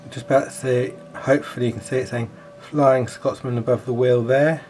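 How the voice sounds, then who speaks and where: A man talks casually through a review of his model railway. His voice sits at a middle pitch, and he sounds like a hobbyist showing his layout. Faint music plays behind him. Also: fairly even intonation, brisk, darkish tone. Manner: playfully spooky, exclaiming in mock surprise at times. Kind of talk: casual hobby video commentary.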